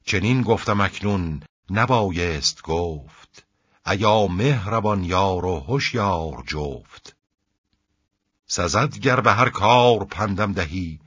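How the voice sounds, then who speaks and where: A man's voice: deep voice, fairly bright tone, breathy edge, no room sound, heavily acted. A man reciting as a captive young hero. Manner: measured, rhythmic chanting of verse. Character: captive young male hero, hopeful and earnest. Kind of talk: classical verse recitation. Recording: dull, lo-fi dry recording.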